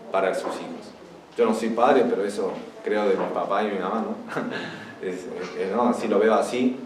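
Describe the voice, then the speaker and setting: Young pastor preaching. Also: male voice, medium pitch, a little hiss or hum. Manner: teaching, repeats key words, rises when reading scripture aloud. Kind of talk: sermon. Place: church. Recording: roomy church hall from far off, faint ambience.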